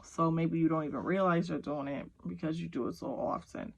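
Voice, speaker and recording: A woman's voice: sits low, fairly even intonation, fairly quick, creaky, a little mellow, low-quality recording. A woman giving a casual tarot reading at home, rambling with lots of fillers and talking straight to the viewer. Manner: rambling, filler-heavy, talks to viewer directly. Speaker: tarot reader. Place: at home with kids nearby.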